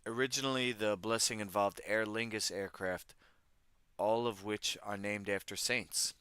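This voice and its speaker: In casual news commentary on his livestream, a man reads stories aloud, then riffs with wry, irreverent asides for his chat. His low-leaning voice is steady, unhurried, pushed and bright, clean, with no room sound.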